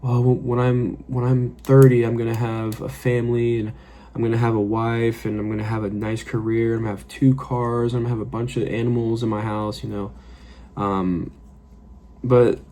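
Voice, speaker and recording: A man's voice: mid-range voice, little pitch movement, moderate pace, dark tone. A man in his late twenties talking casually in a rambling, profane way, full of filler words, in a reflective vlog monologue. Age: late 20s. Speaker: fragrance vlogger. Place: his apartment.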